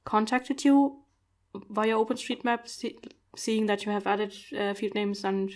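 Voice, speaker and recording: A podcast host who isn't a native English speaker chats casually over a video call, thoughtful and hesitant, with many fillers. Her voice is medium-pitched, unhurried, and a touch mellow.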